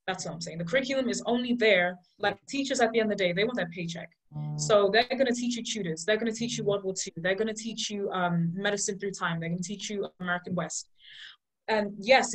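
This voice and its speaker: A young woman from Liberia and Ghana, arguing passionately in an online student debate with a fast flow of points and fillers. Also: mid-range voice, low-quality recording. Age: young adult. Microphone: video call.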